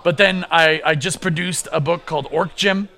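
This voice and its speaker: A man guesting on a podcast, talking in an excited rush with plenty of swearing and quick restarts. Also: fairly high pitch. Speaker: podcast guest, comic book creator. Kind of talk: casual podcast chat.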